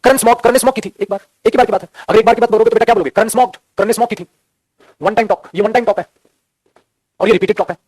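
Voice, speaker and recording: A man's voice: high-pitched, fairly even intonation, very fast, darkish tone, husky, no room sound. A man teaching English grammar to students in Hindi, calling them "beta", repeating key phrases and answering his own questions. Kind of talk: classroom grammar lesson in Hindi.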